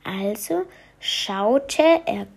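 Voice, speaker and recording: Brief: woman storyteller, children's bedtime tale, slow and soft, dips into whispers. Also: mid-range voice, animated, creaky, breathy edge. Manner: soft, at times whispered for suspense.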